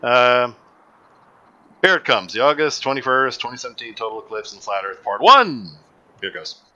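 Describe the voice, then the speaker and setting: Bright forceful guy running a goofy panel chat, laughs a lot, trips over words. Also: mid-range voice, lively intonation, normal speed, lo-fi sound. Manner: laughs often, stumbles and restarts. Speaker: host of a live movie commentary show. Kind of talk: casual joking panel chat.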